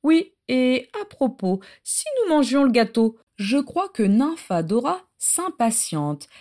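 A woman reading an audiobook, voicing a gentle young mother who speaks softly and kindly. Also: fairly high pitch, sing-song, slow pace, pitched above the performer's own voice. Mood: tender. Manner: soft, gently protesting.

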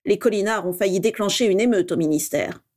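A woman doing a gruff grizzled auror. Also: medium pitch, fairly quick, darkish tone, natural voice. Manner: growling, brusque.

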